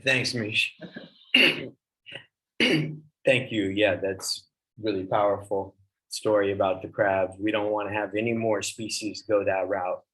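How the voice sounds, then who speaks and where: A man hosting an online meeting, measured and relaxed, introducing the next speaker. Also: lowish voice, low-quality recording. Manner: relaxed, clears throat, measured. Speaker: meeting host.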